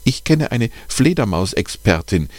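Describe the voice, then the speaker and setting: A man's voice: on the low side, very animated, a little slow, no room sound, voice pushed up. A man voicing a practical, decisive mother in a storybook reading. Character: practical mother, adult woman.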